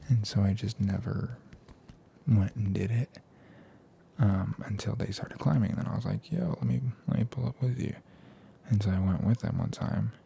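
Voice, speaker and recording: A young American man speaking in a hushed, soft ASMR voice that slips into whispers, chatting casually in a laid-back, slangy, meandering way. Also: lowish voice, vocal fry, a little hiss or hum. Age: young adult. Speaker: ASMR video host. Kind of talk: soft-spoken ASMR, casual rambling chat.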